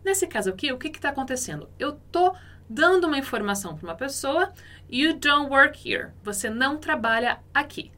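A woman with a Brazilian Portuguese accent teaches English in a didactic, explanatory way. Her voice is bright and a little high, and she slows down to model each English phrase before explaining it. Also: sing-song.

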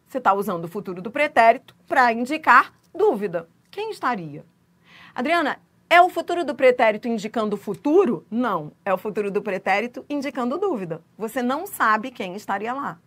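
A woman's voice: fairly high pitch, brisk. A middle-aged woman with a Brazilian accent, teaching an exam-prep grammar lesson and acting out little dialogues as examples. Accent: Brazilian Portuguese. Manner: lively, acts out dialogues, laughs at her own examples.

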